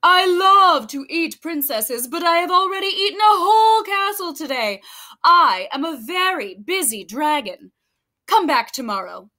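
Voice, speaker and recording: A boastful, busy storybook dragon, put on by a woman reading aloud. He is gruff and dismissive, with a bright, high voice that swoops widely. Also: sing-song, measured pace, exaggerated voice.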